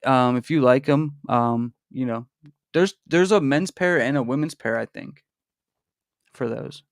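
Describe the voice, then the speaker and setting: A man's voice: medium pitch, measured pace, no room sound, studio quality. Laid-back slangy young male host. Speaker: podcast host. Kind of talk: casual livestream chat.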